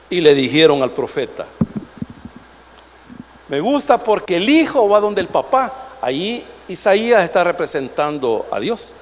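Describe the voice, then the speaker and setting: A male pastor, preaching a sermon with rhetorical questions aimed at the congregation. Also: sits high. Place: church sanctuary. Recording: long hall reverb.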